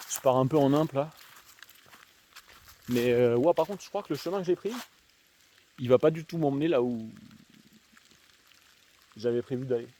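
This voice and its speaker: Rain and faint outdoor noise surround this handheld-camera recording of a young Alsatian-accented man. A vlogger and schoolteacher with a mid-range, dark-toned voice, he rambles casually and slangily to viewers while walking through the countryside.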